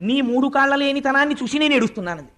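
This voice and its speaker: A man voicing Mother Earth as a grieving sacred cow, lamenting and reciting verse slowly in a high voice. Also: expressive, a bit bright. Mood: sorrowful.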